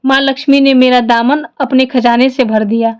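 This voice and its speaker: A woman's voice: sits high, steady tone, moderate pace, darkish tone, smooth, muffled recording, natural voice. A woman voicing a young devoted wife who prays and pleads in her grief, in a storytelling style. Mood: grateful. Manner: pleading, tearful prayer.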